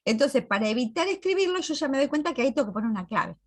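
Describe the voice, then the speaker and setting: A woman's voice: sits high, lively intonation, very fast. A woman computing teacher, walking students through a class step by step and checking they follow. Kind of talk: recorded class walkthrough.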